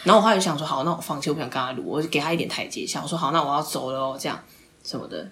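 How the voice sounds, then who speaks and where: Young woman, casual podcast storytelling, rapid delivery, lowish voice. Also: slight background noise. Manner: animated, swears casually, drops into whispered asides. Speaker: podcast host.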